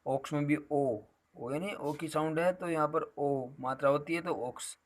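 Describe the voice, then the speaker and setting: Male teacher, slightly high voice. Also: normal speed. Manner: explains patiently, calls students "beta" often. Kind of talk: grammar lesson.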